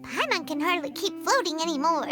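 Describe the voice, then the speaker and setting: Paimon, squeaky childlike fairy companion. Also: female voice, animated, brisk, over music. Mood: cheeky, chatty. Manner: cutesy, exclamatory, refers to self in third person. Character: tiny floating fairy companion, childlike, excitable, speaks in third person. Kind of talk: video game character acting.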